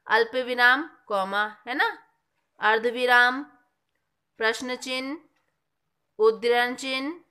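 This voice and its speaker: Bright-voiced woman teacher. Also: a little high. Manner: explains patiently, asks the class questions and answers them herself. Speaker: school teacher. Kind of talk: classroom grammar lesson.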